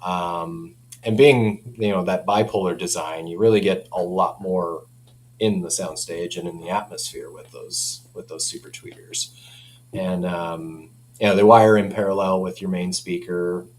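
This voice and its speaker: A man with a deep, steady, slightly slow voice chats casually as a company representative explaining audio products, keeping it easygoing and colloquial with frequent "you know"s. The recording is clear, with a hum in the background.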